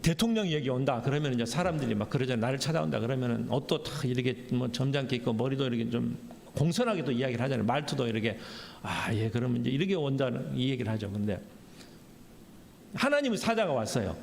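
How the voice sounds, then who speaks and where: A male pastor delivering a Sunday sermon, animated, acting out blunt questions and tagging his sentences with a repeated refrain. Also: medium pitch, quick pace, creaky. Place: church sanctuary. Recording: echoey church hall, faint background noise.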